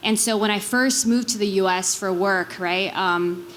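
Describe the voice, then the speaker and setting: A woman from Taiwan, a business executive on a panel, speaks casually and conversationally, often checking in with the listener using tags like "right." Her medium-pitched voice is fairly bright and measured in pace, with a little hiss or hum in the audio.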